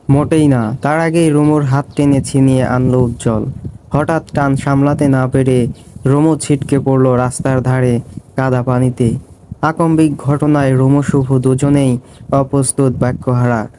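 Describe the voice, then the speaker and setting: Flat-voiced male storyteller. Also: mid-range voice, slight background noise, poor audio. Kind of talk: scripted story narration.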